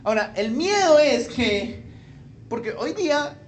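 A man's voice: very high voice, unhurried, a little hiss or hum. A male pastor preaching a sermon, joking and acting out the voices in the story. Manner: animated, joking, acts out biblical voices.

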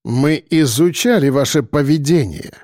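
A man doing an icy, unhurried masked captor. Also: fairly high pitch, a little mellow, no echo, clean studio sound, close to an everyday voice. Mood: cold. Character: cold masked male captor.

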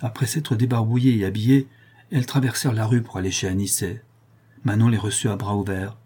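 A man reading a historical novel aloud in measured storytelling narration. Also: lowish voice, steady tone, dark tone, husky. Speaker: audiobook reader.

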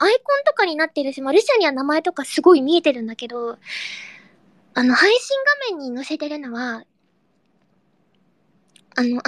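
Super high-pitched young woman chatting live w/ listeners, cutesy and bubbly, dry close sound. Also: no echo. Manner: excitable, bursts into high squeals and giggles; cutesy, baby-talk endings. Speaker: streamer hosting a live audio chat. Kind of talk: casual chat reading listener comments.

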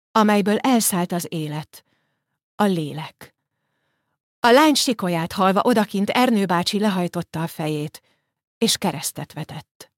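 A woman reads a novel aloud in a calm, measured way. Her voice sits fairly low, and the recording is dry and close, with no room sound. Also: no echo. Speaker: audiobook narrator. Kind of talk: scripted narration.

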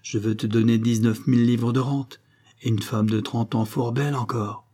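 A man reading the part of a worldly, commanding society woman in an audiobook, talking briskly and knowingly. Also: medium pitch, flat delivery, dark tone, lightly acted.

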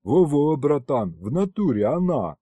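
A rowdy imp thug full of street slang, put on by a male audiobook reader. The voice sits higher than the narrator's and swings wildly as he bellows and whines. Delivered dry and close. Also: very animated, a little slow, slightly rough, no room sound, heavily acted. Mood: whining bluster. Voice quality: loud street-slang bluster. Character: rowdy gangster imp warrior, loud, slangy. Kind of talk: audiobook character voice.

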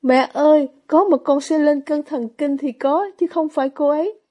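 A woman voicing a shrill, impatient teenage girl in a storybook reading. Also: animated, normal speed, dark tone.

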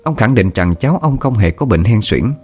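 A man narrating a story in a steady, somber way. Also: lowish voice, brisk, husky, soft background music. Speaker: audiobook narrator.

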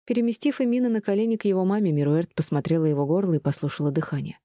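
Low, mellow woman narrating a novel. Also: fairly even intonation, rapid-fire, no room sound, clean studio sound. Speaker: audiobook narrator. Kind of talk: scripted narration.

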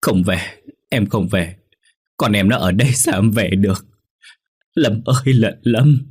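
A man's voice: deep voice, lively intonation, moderate pace, husky. A man voicing a grieving mother who wails and pleads for her drowned son, in a spoken ghost story. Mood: desperate pleading. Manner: sobbing, pleading cries.

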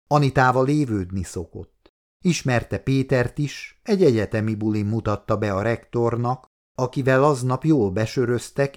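A man reading a novel aloud as audiobook narrator, in calm, even storytelling. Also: mid-range voice. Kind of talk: scripted narration.

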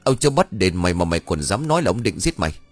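A man's voice: deep voice, big pitch swings, fast, no room sound, faint music behind. Man voicing a cruel old landlord, snarling. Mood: scornful, snarling. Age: over 70. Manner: snarling, scornful shouting. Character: cruel rich old landlord over seventy, contemptuous.

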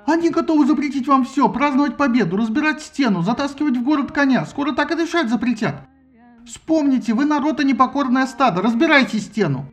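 A man voicing a shrill, bossy male schemer who shrieks and rants in an audiobook. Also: very animated, brisk, a little mellow. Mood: shrill ranting. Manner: shrieking, ranting. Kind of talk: audiobook character voice.

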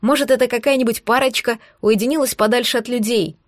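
Higher-voiced woman narrating a novel. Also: fast, no room sound, studio quality. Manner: steady, expressive first-person reading. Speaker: audiobook narrator.

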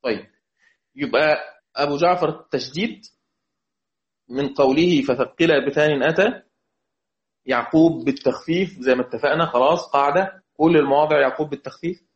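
A man with an Egyptian accent teaching Quran recitation, chanting verses slowly and quizzing his students. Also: on the high side. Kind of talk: religious lesson. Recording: dull lo-fi recording.

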